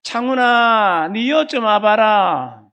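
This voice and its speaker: A man voicing an older mother from Gyeongsang who speaks slowly and bluntly in dialect. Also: sits high, expressive, sharp tone, smooth, voice pushed up, heavily acted. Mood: blunt calling. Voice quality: slow, drawn-out dialect speech.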